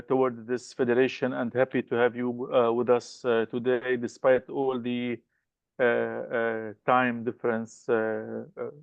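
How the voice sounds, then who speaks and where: A man moderating a session, introducing a speaker in a halting way as he searches for words. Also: mid-range voice, vocal fry, clear, resonant tone, no echo, dull audio. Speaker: obstetrician.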